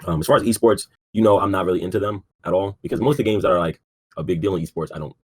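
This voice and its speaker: A man's voice: low voice, rapid-fire, darkish tone, breathy edge. A young man co-hosting a casual sports podcast, laid-back, filling his talk with "like" and "um" and swearing casually. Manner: laid-back, says 'like' and 'um' a lot, swears casually. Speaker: podcast co-host.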